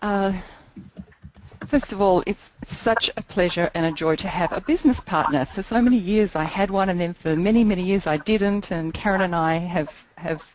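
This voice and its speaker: A woman's voice: lowish voice, normal speed, a little mellow. Woman from Australia over noisy call audio. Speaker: mentor coach and webinar presenter. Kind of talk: webinar presentation.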